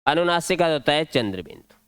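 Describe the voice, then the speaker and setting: A man's voice: a little high, big pitch swings, a little fast, fairly bright tone, clear, resonant tone, no echo. A male teacher with a Rajasthani Hindi accent, explaining an exam-prep grammar lesson step by step at a board. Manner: step-by-step explaining, drilling points.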